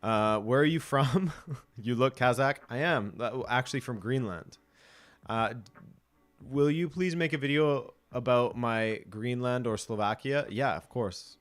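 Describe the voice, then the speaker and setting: A man's voice: mid-range voice, measured pace. Casual man hosting a live stream. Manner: reads viewer comments aloud and chuckles. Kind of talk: casual live watch-along chat.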